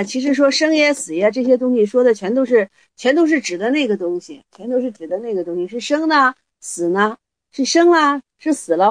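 A woman leading a Buddhist study group through a Zen koan. She reads the classical text slowly, then explains it in a lively, teasing way with many rhetorical questions. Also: a little high, dry recording.

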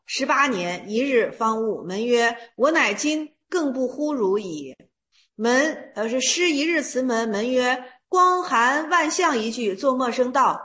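A woman with a high voice teaches a class on old Buddhist texts. She reads each passage slowly before retelling it in everyday words. Her talk is full of repetitions and small fillers. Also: expressive, a bit bright.

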